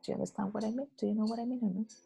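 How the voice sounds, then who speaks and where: A woman teaching an English class over a video call. She explains patiently, repeats words slowly and keeps checking with "yeah?". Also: on the high side, steady tone, vocal fry, warm tone, breathy edge, rough recording. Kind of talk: online English lesson.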